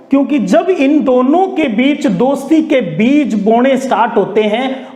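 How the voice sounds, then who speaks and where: A man teaches in a storyteller's style, very high-pitched and a little mellow, posing questions and then answering them himself. It's a conversational, explanatory classroom lecture told as a story, recorded in an echoey room.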